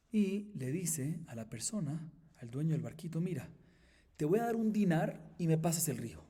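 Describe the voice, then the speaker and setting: Animated rabbi teaching Talmud. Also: male voice, high voice. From Colombia. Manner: lively, swings between loud questions and quiet asides; asks and answers his own questions. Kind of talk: Talmud class lecture.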